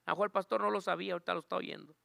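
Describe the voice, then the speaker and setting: A man's voice: sits high, big pitch swings, rapid-fire, creaky, sharp tone, dry recording, clean studio sound. A man preaching a sermon, telling a personal testimony in an earnest storytelling manner and calling on the congregation as brothers and sisters.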